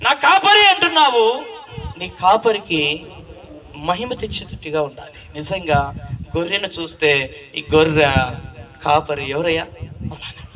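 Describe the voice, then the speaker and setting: A man preaching a call-and-response sermon, questioning the congregation and repeating key phrases with rising emphasis. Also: fairly high pitch. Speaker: pastor.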